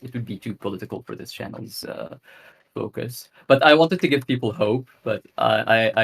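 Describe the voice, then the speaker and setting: Caller: young man from Egypt, lowish voice, earnest, explanatory, rushes in bursts. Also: a bit bright. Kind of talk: casual call-in discussion.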